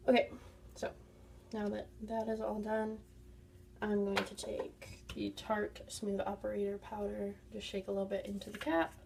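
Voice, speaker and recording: A woman's voice: medium pitch, completely flat delivery, moderate pace, vocal fry, recorded from a distance, background noise. A woman doing a casual makeup tutorial, chatty and congested, explaining each step as she goes. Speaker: beauty vlogger.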